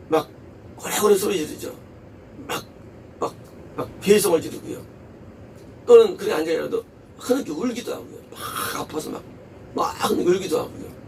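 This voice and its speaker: A man's voice: sits high, gravelly, darkish tone, far from the mic, a little hiss or hum. A male pastor preaching a sermon in an emphatic way, posing rhetorical questions and repeating words for stress. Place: church.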